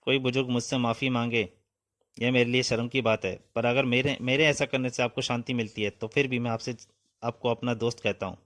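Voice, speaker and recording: A man voicing a brave, quick-thinking young male hero in a comic storybook reading, speaking urgently and decisively. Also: medium pitch, fairly even intonation, a bit bright, lightly acted. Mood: earnest.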